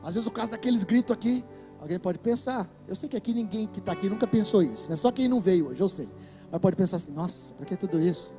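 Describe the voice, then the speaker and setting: High-voiced Brazilian pastor preaching. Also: male voice, lively intonation, quick pace, faint music behind. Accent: Brazilian Portuguese. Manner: impassioned preaching, bursts into shouts. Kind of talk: sermon. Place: church hall.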